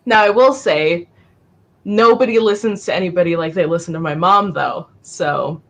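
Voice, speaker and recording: A woman's voice: on the low side, moderate pace. Woman, co-host, casual banter, jokey, reads viewer comments. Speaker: co-host of a live writing stream. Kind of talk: casual chat.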